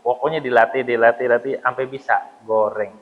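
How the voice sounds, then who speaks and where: A man's voice: medium pitch, steady tone, brisk. Man, mosque study teacher, casual and humorous, long hall echo, muffled sound. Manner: casual and joking, acts out mispronunciations. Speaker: religious teacher.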